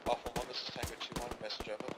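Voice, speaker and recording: Guy on the radio, quick flat military callouts, noisy with gunfire behind. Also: mid-range voice. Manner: terse, clipped callouts. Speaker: squad player.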